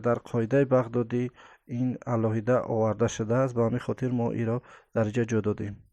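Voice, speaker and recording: A man teaching the Arabic alphabet, slowly naming each letter and repeating its sound with many hesitant fillers. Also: mid-range voice, little pitch movement, mellow, no echo, highs cut off. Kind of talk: step-by-step pronunciation lesson.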